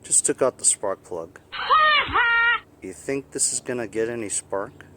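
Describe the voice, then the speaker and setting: A fairly low-pitched, unhurried middle-aged man presents a casual backyard small-engine repair video on a sunny day, with outdoor noise in the background. He describes each step conversationally and frequently checks in with "right?"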